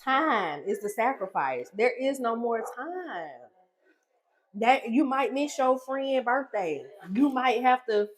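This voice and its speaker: A woman's voice: fairly high pitch, lively intonation, slow, slight background noise, poor audio. A middle-aged woman, a restaurant owner co-hosting a casual chat, talking bluntly and teasing.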